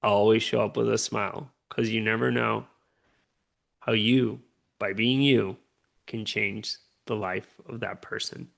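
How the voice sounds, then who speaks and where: A man's voice: on the low side, steady tone, a little slow, gravelly. A man, an earnest, upbeat interview guest who often checks in with "right?". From Puerto Rico. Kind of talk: conversational interview.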